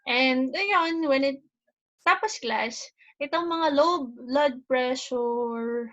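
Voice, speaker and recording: A young woman with a Filipino accent lectures to her class in a fairly high voice. She slips between English and Tagalog in the middle of sentences and adds small checking questions. The sound is slightly dull and lo-fi, like a video call. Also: slow. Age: young adult. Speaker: teacher. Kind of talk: online lecture, explaining slides to a class.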